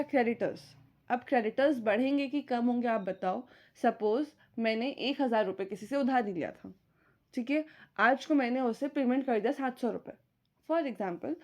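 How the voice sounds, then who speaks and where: A woman teaching an online accounting class, her voice sitting a little on the high side. She walks through each point step by step and keeps checking with her students whether it is clear, slipping English terms into her explanations. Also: darkish tone. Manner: mixes English terms into Hindi speech. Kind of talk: recorded online lecture.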